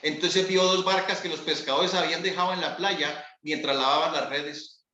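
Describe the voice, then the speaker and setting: A man preaching a sermon as pastor, slow and solemn with long pauses. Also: fairly high pitch, steady tone, pushed and bright, reverberant, dull audio. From Colombia.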